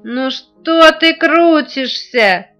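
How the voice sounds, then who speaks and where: A woman's voice: high-pitched, lively intonation, voice pushed up, heavily acted. A woman doing a sleepy little girl. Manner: sleepy, drawn-out, loud. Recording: dull lo-fi recording, faint guitar.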